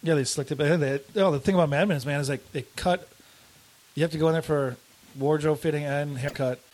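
A man's voice: fairly high pitch, fairly even intonation, quick pace, a little mellow. A man in his twenties with a whiny voice, a comedian guest on a podcast, rambling through stories full of fillers and swearing. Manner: rambling, profane storytelling with many fillers. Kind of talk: casual podcast chat.

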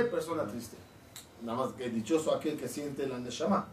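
A middle-aged man, a rabbi, teaching a Torah class and quizzing his students with questions as he goes. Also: high-pitched. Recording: echoey room, mic at a distance, faint hiss.

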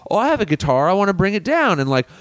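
A man's voice: high-pitched, sing-song, racing, no room sound. A man telling stories in a casual chat, rambling with lots of fillers and restarts. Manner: rambling, filler-heavy storytelling.

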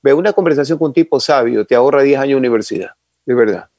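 An older man, telling long animated stories as an interview guest. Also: mid-range voice, fast talker, no room sound, highs cut off. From Ecuador. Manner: animated, rambling reminiscence with sound effects. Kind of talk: casual storytelling interview.

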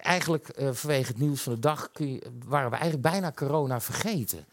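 A man's voice: medium pitch, fast talker. A Dutch man hosting a casual live talk show, chatty and rambling, with many fillers and restarts. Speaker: host.

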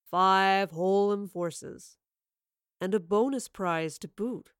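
A woman voicing a cruel, sly male villain who taunts in slow, purring, gloating tones. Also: mid-range voice, clear, resonant tone, dry recording, clean studio sound, natural voice.

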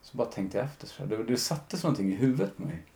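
Speaking at a medium pitch, this man sounds expressive and mellow. As a podcast guest, he reflects candidly on his own story and often relays conversations, filling them with lots of fillers.

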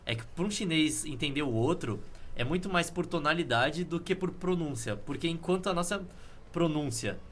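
A man's voice: on the high side, animated, moderate pace, slight background noise. A man with a Brazilian Portuguese accent co-hosting a casual podcast chat, explaining at length and joking. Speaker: podcast co-host.

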